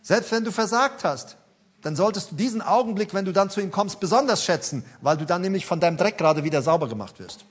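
High-voiced man preaching conversationally. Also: expressive, quick pace, slightly rough. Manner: conversational preaching, addresses listeners directly, rising emphasis. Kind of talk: sermon.

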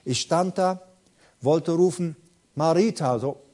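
A man preaching a sermon with fervor, repeating phrases for emphasis and swinging from quiet, intimate words to loud cries while addressing his congregation directly. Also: mid-range voice, animated, moderate pace.

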